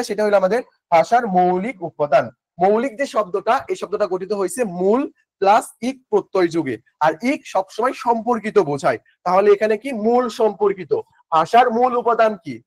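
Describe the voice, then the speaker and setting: A young man with a high-pitched, somewhat dark voice teaches an online exam-prep lecture as an admission test tutor, recorded with no room sound. He casually poses questions and answers them himself, repeating key terms. His speech is informal and mixed with English words.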